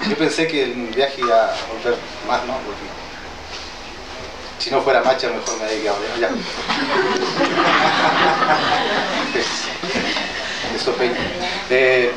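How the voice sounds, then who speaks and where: With big pitch swings in a mid-range voice, a traditional healer from southern Chile addresses a gathering informally in an indoor meeting hall. Mapudungun is his first language, and he talks in a halting, hesitant, plain-spoken way with many restarts. He is recorded from far away in an echoey, roomy and noisy space.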